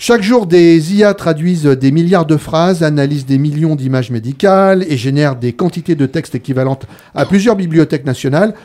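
A man's voice: a little high, fairly quick, dark tone. Male radio host, lightly raised voice. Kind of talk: scripted radio presenting. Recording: music bed under voice.

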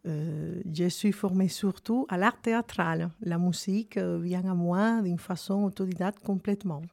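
A woman from Cuba, a singer and actress giving a radio interview and speaking hesitantly with many filler pauses. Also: on the low side, vocal fry, darkish tone.

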